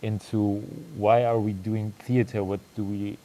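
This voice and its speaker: A performer in his twenties, an actor, answers casually on a video call, rambling and full of fillers. His fairly low, mellow voice stays level and runs a little slow.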